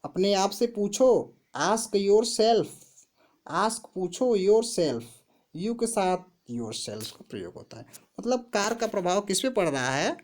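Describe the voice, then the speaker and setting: A woman teaching a grammar lesson, who asks questions and answers them herself, repeats key words and reads example sentences very slowly. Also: medium pitch, big pitch swings, darkish tone. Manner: slow, repeats answers to her own questions.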